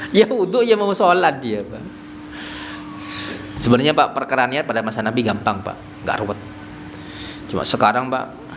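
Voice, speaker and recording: Mid-pitched man, an Islamic teacher leading a mosque study circle, talking to the congregation in short conversational bursts. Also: background noise. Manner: tags nearly every phrase with "Pak"; asks the audience questions and answers them himself. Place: small prayer hall.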